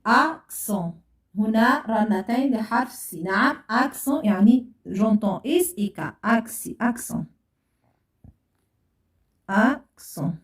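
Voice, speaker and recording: In a classroom French lesson, a woman patiently repeats and spells out sounds for her pupils. Her voice runs on the high side and sounds animated at a normal speed. The room is echoey, and she is far from the mic.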